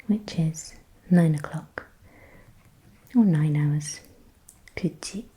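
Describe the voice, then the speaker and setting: Woman, whispered ASMR, soft mellow tone, unhurried, repeats words, thinks aloud. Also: sits low, slight background noise, low-quality recording. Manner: thinks aloud, unsure guesses. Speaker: ASMR creator.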